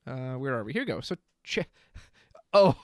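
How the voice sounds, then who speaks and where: A man's voice: mid-range voice, sing-song, moderate pace, dry recording, clean studio sound. A man streaming live, casually thinking aloud as he reads card text and chat comments. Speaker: streamer reviewing trading card spoilers.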